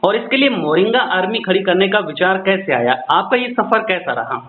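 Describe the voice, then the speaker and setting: A man's voice: high-pitched, expressive, fairly quick. A man working as a radio correspondent, reading a formal news introduction and asking his guest polite questions. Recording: roomy, phone-like sound with faint noise.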